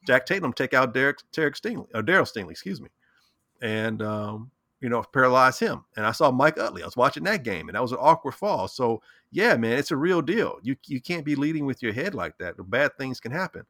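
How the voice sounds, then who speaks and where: A man's voice: medium pitch, very animated, fairly quick, fairly bright tone, no room sound, clean studio sound. A man in casual sports chat, talking animatedly, repeating words and acting out what he said and thought. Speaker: sports talk co-host.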